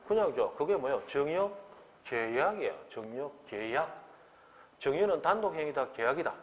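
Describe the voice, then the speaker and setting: A man's voice: fairly high pitch, normal speed, in a large hall. A middle-aged man, giving an exam-prep law lecture and asking the class rhetorical questions. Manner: animated, acts out quoted dialogue, rhetorical questions.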